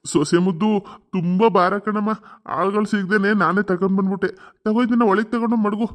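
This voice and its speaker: A man's voice: high voice, fairly even intonation, brisk, lightly acted. A man doing a chatty old cartoon landowner. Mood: fond teasing. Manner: fond, chatty and teasing. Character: doting old village landlord father-in-law. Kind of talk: cartoon comedy voice acting.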